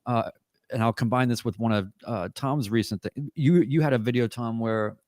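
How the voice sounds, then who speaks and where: A male podcast co-host talking casually, circling his point with hesitant restarts. His voice sits at a middle pitch and sounds close and dry. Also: moderate pace, darkish tone, no echo. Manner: rambling, hesitant with fillers. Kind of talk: casual chat.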